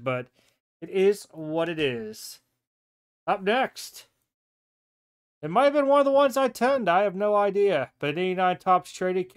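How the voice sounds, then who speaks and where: A man's voice: a little high, smooth. A man casually showing off trading cards from his mail at a home desk, chatty and thinking aloud. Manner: relaxed, chatty, thinks aloud and self-corrects. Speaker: sports card collector showing mail. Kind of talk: casual show-and-tell vlog. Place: home desk with card displays, indoors.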